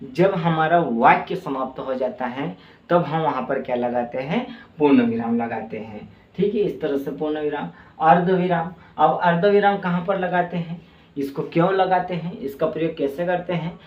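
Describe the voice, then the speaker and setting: A man's voice: a little high, highs cut off. Male teacher, roomy distant classroom sound. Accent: Madhya Pradesh Hindi. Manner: explains slowly with many fillers and repeats "ठीक है". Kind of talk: online class lesson.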